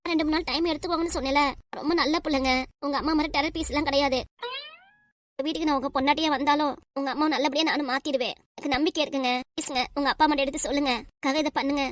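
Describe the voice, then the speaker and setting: A woman's voice: sits high, steady tone, very fast, no room sound, lightly acted. A woman voicing an earnest, lovestruck twenty-year-old nurse with a southern Tamil Nadu accent, pleading insistently in a cartoon. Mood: tearful pleading. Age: 20s. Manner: pleading, insistent, talks over objections. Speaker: voice actor. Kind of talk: cartoon voice acting.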